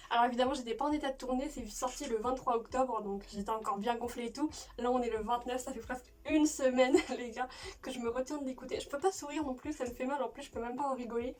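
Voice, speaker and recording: A woman's voice: high-pitched, a little mellow, recorded from a distance. A young woman with a slushy lisp on her s sounds, chatting casually and gushing in informal slang as a reaction video host. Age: late teens, young adult. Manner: stiff upper lip from mouth swelling. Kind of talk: casual excited video chat.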